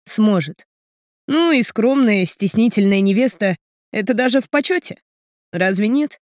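A woman's voice: mid-range voice, animated, moderate pace, dry recording, studio quality, close to an everyday voice. A woman reading the lines of a cold, commanding man in his late thirties, clipped and stressing each word.

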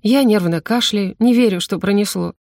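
A woman's voice: medium pitch, moderate pace, darkish tone, no room sound. Woman narrating an audiobook, dry sound. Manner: tense first-person storytelling.

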